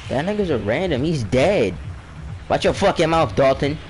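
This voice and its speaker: A man's voice: on the high side, big pitch swings, moderate pace, a little hiss or hum. A young man playing a game online, swearing and trash talking with friends in casual banter. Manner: crude, loud trash talk. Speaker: gamer.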